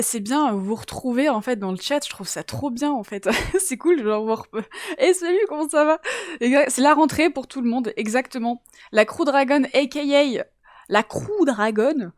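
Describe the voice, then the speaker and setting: A woman's voice: a little high, a little mellow, no room sound, studio quality. A woman from around Toulouse hosting a casual science live-stream, chatty and giggly, greeting viewers in the chat.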